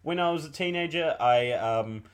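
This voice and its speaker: A man's voice: fairly high pitch, lively intonation, moderate pace, clean tone. A man, co-hosting a casual chat and joking crudely with friends. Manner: crude, laughing, jokey. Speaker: podcast co-host. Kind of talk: casual banter.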